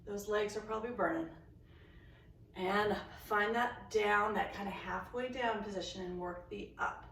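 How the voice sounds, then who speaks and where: A woman's voice: mid-range voice, moderate pace, a bit bright, far from the mic, a little hiss or hum. Woman, fitness instructor cueing a home barre workout, encouraging; roomy sound, mic set back. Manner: encouraging, counts reps aloud.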